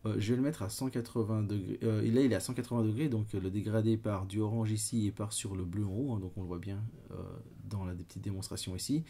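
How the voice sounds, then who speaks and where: Gravelly-voiced man with a Swiss French accent. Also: on the low side, fairly even intonation, quick pace, hardly any pauses, dark tone. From Switzerland. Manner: hesitant, many fillers, talks while working. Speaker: photo editing tutor. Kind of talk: screen-recorded software tutorial.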